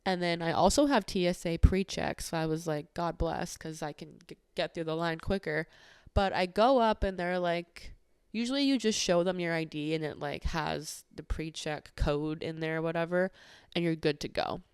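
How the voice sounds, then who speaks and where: A woman's voice: lowish voice, normal speed, darkish tone, clear, resonant tone, no echo, clean studio sound. A woman hosting a podcast, telling a travel story in a casual, chatty way with lots of "like"s and an exasperated edge. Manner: chatty, many filler "like"s, exasperated retelling. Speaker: podcast host.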